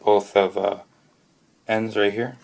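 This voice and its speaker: Low-voiced man reviewing gadgets, halting. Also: flat delivery, creaky, a little mellow. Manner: halting, frequent restarts and self-corrections. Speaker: product reviewer. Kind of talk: unscripted product review voice-over.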